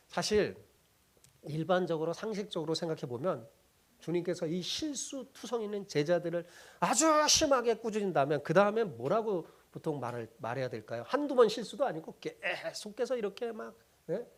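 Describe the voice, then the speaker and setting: A middle-aged man from South Korea, a pastor preaching a sermon with rhetorical questions and acted-out quotes. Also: high-pitched.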